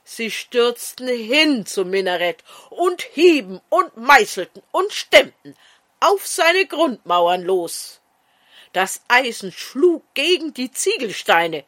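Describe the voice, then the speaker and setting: A woman storyteller narrating a fairy tale in an expressive, sing-song way. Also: medium pitch.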